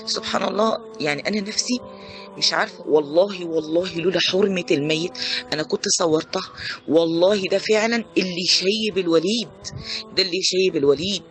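A woman's voice: fairly low pitch, quick pace, faint music behind. An Egyptian woman in her forties, a corpse washer, talking in a voice message in a shaken way and repeating pious phrases.

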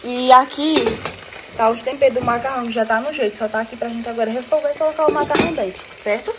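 Talking fast over heavy background noise, a young woman from Brazil cooks lunch at home and chats with her audience, whom she addresses as "gente." Her voice sits on the high side, picked up by a phone she holds at arm's length.

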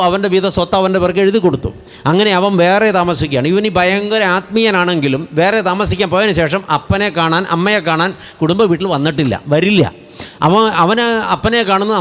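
Storytelling Malayali preacher, higher voice. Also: male voice, a bit bright. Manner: addresses the congregation directly, with rhetorical asides. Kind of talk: storytelling sermon.

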